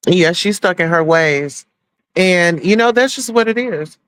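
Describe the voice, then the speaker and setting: High, smooth-voiced man chatting slangily. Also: animated, a little slow, fairly bright tone, no echo. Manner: chatty, slangy, preachy asides. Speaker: YouTube commentator. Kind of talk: casual commentary chat.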